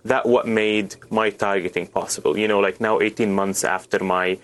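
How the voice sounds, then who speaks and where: A man's voice: on the low side, fairly even intonation, moderate pace. A young man from Syria, not an English speaker, answering interview questions earnestly with many restarts and fillers. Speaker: guest.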